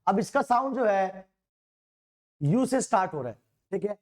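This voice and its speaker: A man teaching an exam-prep grammar lesson, chatty and informal, reading out example sentences slowly and often correcting himself mid-sentence. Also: sits high, lively intonation, a little mellow. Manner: informal, repeatedly calls students "bhaiya".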